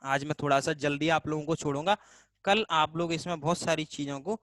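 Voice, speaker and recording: A man's voice: a little high, steady tone, brisk, fairly bright tone, no room sound. A male teacher gives a casual online grammar class, asking the class questions and answering them himself, repeating key terms to drill them. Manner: casual and chatty.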